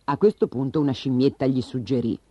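A man narrating a children's story in a lively, expressive way. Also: mid-range voice, brisk, no echo. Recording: slightly dull recording with music behind.

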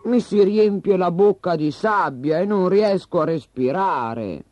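A man doing a slow, fretful elephant. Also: high-pitched, expressive, voice pushed up. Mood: plaintive. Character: big gentle worried male elephant. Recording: slightly dull recording with music behind.

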